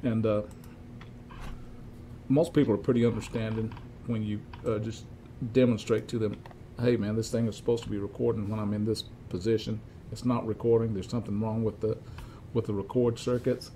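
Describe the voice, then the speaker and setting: Steady background room noise runs under this clear recording of an older man with a lowish voice. He's a repair technician giving a casual, step-by-step demonstration of equipment checks, pausing haltingly and working methodically through a cluttered indoor electronics workshop.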